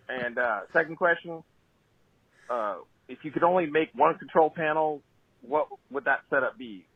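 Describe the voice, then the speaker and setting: A man's voice: on the high side, dry recording. Man calling in over a tinny landline phone. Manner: halting, joking, many "uh"s. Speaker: caller leaving a voicemail. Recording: tinny phone voicemail line.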